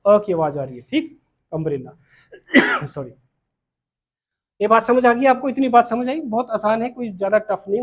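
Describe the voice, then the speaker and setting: High-voiced Indian man teaching grammar. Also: a little mellow. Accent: Indian English. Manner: repetitive, questioning, checks understanding often. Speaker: English teacher. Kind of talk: classroom lesson on grammar. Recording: dull lo-fi sound.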